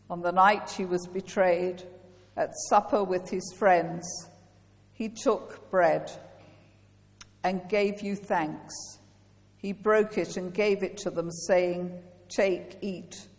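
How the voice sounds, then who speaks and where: A woman priest leading a communion prayer in a slow, solemn, measured way, her voice carrying a cathedral echo. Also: on the low side. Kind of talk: reciting a liturgical prayer. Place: large church. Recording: long church reverb.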